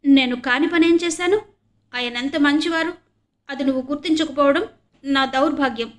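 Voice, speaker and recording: A woman's voice: a little high, flat delivery, a little slow, lightly acted. A woman voicing a tender crippled teenage boy who pleads through tears, in a storybook reading. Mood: tearful protest. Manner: pleading, tearful.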